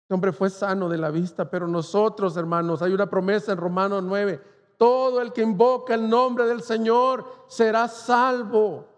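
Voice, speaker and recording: Male pastor from Mexico, high-pitched, impassioned preaching in a reverberant church hall. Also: steady tone, normal speed. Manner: impassioned preaching, rising to cries. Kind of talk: sermon.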